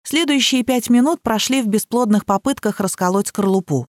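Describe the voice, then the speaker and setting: A woman narrating a novel in an even, measured reading voice, close to the mic. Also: a little high, no echo. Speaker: audiobook narrator. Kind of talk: scripted narration.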